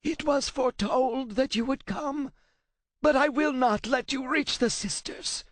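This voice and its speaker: A man voicing a terrified, cornered male scribe who rasps and pleads in a frantic, near-shouting voice. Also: extremely high pitch, unhurried, no echo, voice pushed up. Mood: frightened. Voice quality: raspy.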